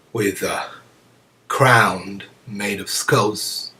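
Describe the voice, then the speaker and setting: A man giving a reflective Zen teaching talk to students, musing aloud with many pauses and soft chuckles. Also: fairly low pitch. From France. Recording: voice picked up from a distance.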